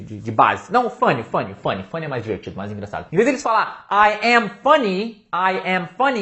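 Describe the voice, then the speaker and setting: A man with a Brazilian Portuguese accent giving a casual, energetic online English lesson, playful and full of hype. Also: sits high. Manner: energetic, playful, hypes his materials. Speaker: English teacher. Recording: slightly dull lo-fi sound.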